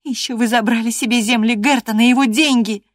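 A woman reading aloud, voicing a bold, stubborn young woman who shouts high and loud. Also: steady tone, a little fast, no room sound, studio quality. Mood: defiant.

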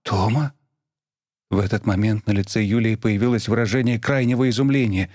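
A man reading a novel aloud as the narrator, at a measured, even pace and close to the microphone. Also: fairly low pitch, dry recording. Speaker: audiobook narrator. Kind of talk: scripted narration.

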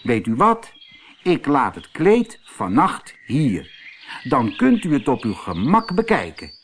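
A male reader voicing Antonio, a simple, blunt boy, in a Dutch storybook, calling out loudly and eagerly. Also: mid-range voice, wildly swooping pitch, slow, a little hiss or hum. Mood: earnest.

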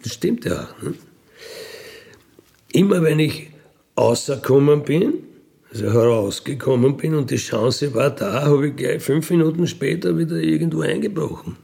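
At a normal speed, with vocal fry and a dark tone in his fairly high-pitched voice, a fifty-one-year-old Austrian man narrates his life as a career criminal. His unscripted account is colloquial and matter-of-fact, and he frequently adds a questioning tag to his remarks.

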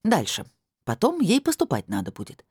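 A woman's voice: fairly low pitch, huge pitch swings, moderate pace, darkish tone, slightly rough, no echo, clean studio sound, pitched above the performer's own voice, full character voice. A woman reading an audiobook voices its indignant first-person heroine, scolding and listing her demands in a raised voice. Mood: businesslike. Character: sharp-tongued indignant woman bargaining hard.

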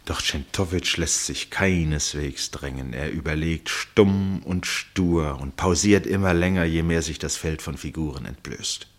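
Deep, husky male storyteller. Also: a bit bright. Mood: tense. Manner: measured, suspenseful storytelling. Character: male first-person narrator, absorbed witness of a chess match. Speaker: narrator. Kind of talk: literary radio play narration.

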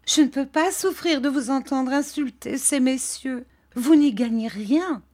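A woman voicing an elderly, fawning mother who begs her son in a high, shrill, beseeching voice. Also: a little slow, a little mellow. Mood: pleading.

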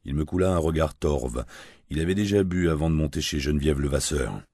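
A man reading a first-person crime novel aloud in a low, even, measured way. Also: slightly rough, no echo, studio quality. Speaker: reader.

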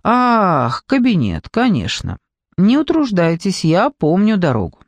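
A man's voice: sits high, wildly swooping pitch, measured pace, no echo, full character voice. A man voicing a brash, self-assured private detective who is cheekily polite. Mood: cocky. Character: brash, breezy, flamboyant male private detective.

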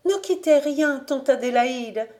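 A woman's voice: fairly high pitch, takes it slowly, mellow, pitched above the performer's own voice. Woman voicing an eager young peasant girl. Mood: earnest.

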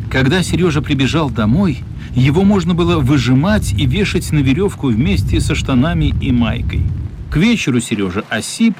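This children's story is told radio-drama style by a man whose husky, medium-pitched voice unfolds in unhurried, dramatically expressive lines from a script. A slight hiss or hum can be heard.

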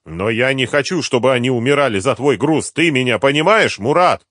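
A man's voice: medium pitch, lively intonation, brisk, fairly bright tone, no echo, clean studio sound, pitched above the performer's own voice, close to an everyday voice. A man voicing a stubborn old caravan drover in an audiobook, firm and insistent.

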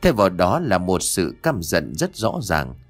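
A man reads an audio story in a low voice, dramatic and expressive. His delivery rises and falls a lot, with soft music playing underneath. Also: a little slow. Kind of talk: scripted audio story narration.

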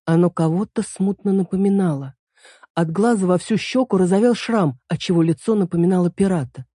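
A woman calmly narrating an audiobook in an even reading manner. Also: on the low side, a little fast, husky, no room sound, studio quality.

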